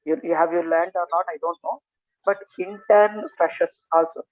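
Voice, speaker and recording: A man's voice: high-pitched, steady tone, normal speed. A man from Andhra Pradesh with a Telugu Indian English accent, a native Telugu speaker, teaching in a casual live Q&A and often dropping in "okay" and "like". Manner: repeats "okay" and "like" as verbal tics. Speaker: software trainer answering questions. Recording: tinny narrow phone-like call audio.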